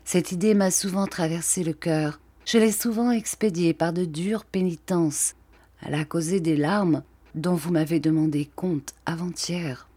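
A woman's voice: deep voice, dark tone, no echo. A woman voicing a proud, anguished noblewoman torn by duty, in an audiobook reading.

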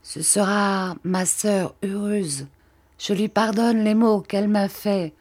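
A woman's voice: medium pitch, steady tone, slow pace, a little mellow, pitched above the performer's own voice. A woman voicing a devout, wounded noblewoman who pleads solemnly in an audiobook reading. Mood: tearful forgiving.

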